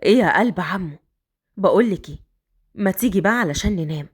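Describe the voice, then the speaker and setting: A woman with an Egyptian accent voicing a smitten older rich man who coaxes in slow, drawn-out lines. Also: lowish voice, expressive, slightly rough, voice pushed down. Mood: coaxing. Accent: Egyptian Arabic.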